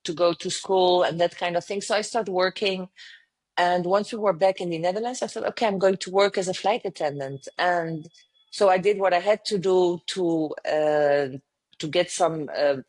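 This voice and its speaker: Speaking in a lowish, darkish voice at an ordinary pace, a French-accented woman in her fifties from southern France shares her story as an interview guest. She founded a travel company, and her earnest account is full of hesitations and restarts.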